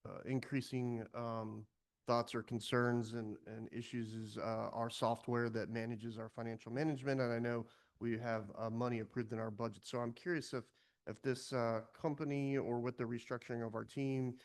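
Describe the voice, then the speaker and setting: A man's voice: medium pitch, level tone, moderate pace. A man, a city commissioner, asking questions hesitantly with many fillers at a public meeting.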